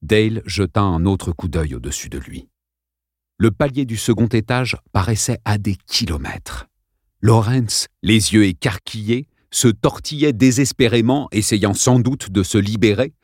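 Male audiobook narrator: low voice, lively inflection, dramatic suspense reading, dry close mic. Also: measured pace, dry recording.

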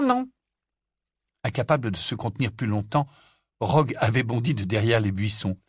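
A man reading an audiobook as narrator, expressive in his storytelling. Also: fairly low pitch, husky, no room sound, studio quality. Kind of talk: scripted narration.

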